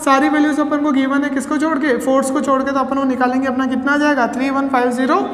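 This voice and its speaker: A woman physics teacher working through a problem step by step, asking the class questions and answering them herself, and reading the English problem text slowly. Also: high voice, flat delivery. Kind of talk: step-by-step lecture solving a problem. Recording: echoey room with long reverb.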